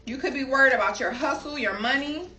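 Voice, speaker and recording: A woman's voice: high voice, fast talker, sharp tone, slight background noise. A woman from Chicago giving a casual tarot reading, chatty and drifting into personal stories while calling her viewers y'all. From Chicago, USA. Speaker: tarot card reader. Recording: echoey room, voice a bit far from the mic.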